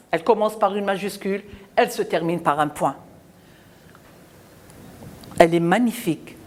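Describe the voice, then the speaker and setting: A woman's voice: medium pitch, husky. A woman primary school teacher giving a televised French lesson to children, speaking emphatically and repeating words and sounds so young pupils can follow. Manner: sing-song, encouraging teacher talk.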